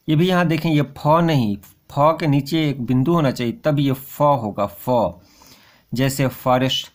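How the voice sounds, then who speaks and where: Patient male Urdu script teacher. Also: mid-range voice. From India. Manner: patient, repetitive, points at the board. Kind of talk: explaining letters step by step.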